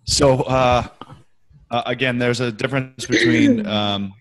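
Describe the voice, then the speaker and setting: A man answering questions as a guest expert over a remote conference call line that keeps breaking up, explaining steadily with frequent pauses and "um"s. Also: medium pitch, wildly swooping pitch, rough recording. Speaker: sales tax software guest expert.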